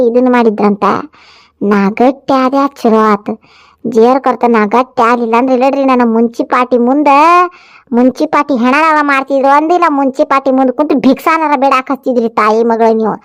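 A woman's voice: on the high side, natural voice. A woman with a North Karnataka Kannada accent voicing a bitter, scheming older village woman in a cartoon, in a scornful tirade. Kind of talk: cartoon voice acting.

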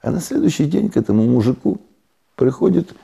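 A man telling comic jokes in a deadpan way, jumping to high shouted punchlines. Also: fairly quick, gravelly, breathy edge. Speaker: joke teller.

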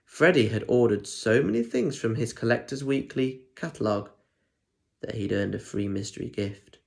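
An expressive, mid-range male voice, gravelly and a little mellow, moves at a moderate pace. It belongs to a young British man who reads picture books to primary school children, reading with expression and speaking straight to listeners in asides. A phone or tablet at arm's length captures him in a small room at home.

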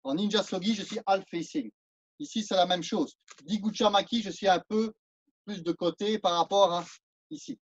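A man's voice: sits high, normal speed, dull audio, slight background noise. French man instructing a martial arts class. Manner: demonstrating while counting and explaining moves. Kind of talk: live online class instruction.

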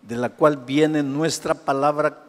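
A man pastor preaching a sermon, firing off rhetorical questions and swinging between hushed asides and loud exclamations. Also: fairly high pitch, fairly even intonation, slow pace, long reverb tail.

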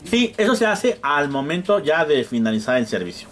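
In a classroom, a man with a Mexican accent gives a hands-on electronics repair demonstration, joking and acting out frustrated customers along the way. His voice is a little high, sing-song and fairly bright, at a normal speed.

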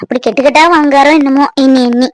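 A woman voicing an emotional, affectionate young wife in a cartoon, tearful and excitable. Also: sits high, very fast, no room sound, close to an everyday voice. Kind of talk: Tamil cartoon voice acting.

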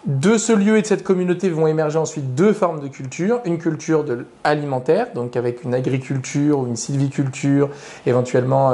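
A young adult man with a mellow, mid-range voice is a guest author giving explanatory interview answers. His explanations run long and are structured, listing his points in order.

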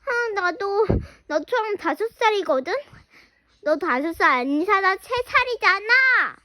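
A child plays out an improvised skit full of bickering. The voice is extremely high and bright, with a whiny edge and slow delivery. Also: lively intonation, no room sound. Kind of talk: improvised pretend-play skit with several characters.

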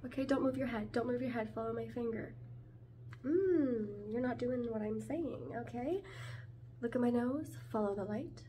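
A woman in a soft ASMR ASMR role-play, playing a suspicious airport security officer who gives procedural, repeated instructions. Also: on the high side, normal speed, lightly acted. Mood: suspicious, firm. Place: small room at home, indoors. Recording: distant mic, clear background noise, clicks.

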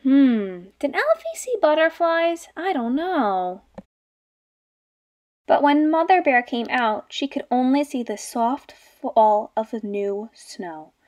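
Speaking slowly in a high voice, a young woman teacher reads aloud to young children and explains as she goes. Her manner is expressive, and she puts questions to the kids throughout the read-aloud lesson.

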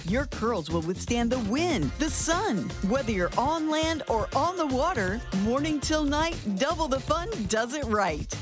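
High, swooping woman infomercial announcer over music. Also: big pitch swings, unhurried, hardly any pauses. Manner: upbeat, emphatic selling. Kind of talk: infomercial voice-over, scripted sales pitch. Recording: music bed under voice.

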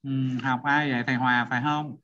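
A man's voice: medium pitch, flat delivery, quick pace, sharp tone. A male teacher, lecturing a class and questioning students one by one. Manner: questioning students, repeats points. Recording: dull lo-fi sound.

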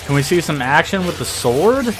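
A young man giving an excited, rowdy live reaction as a streamer, swearing freely in awestruck, drawn-out exclamations, party-animal style. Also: fairly high pitch. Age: young adult. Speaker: streamer reacting to a game showcase. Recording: clear game noise behind voice. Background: game sound and showcase audio.

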